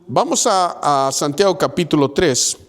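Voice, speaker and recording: Man, pastor, preaching a sermon, high voice, acts out quotes, small church. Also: expressive, a little slow.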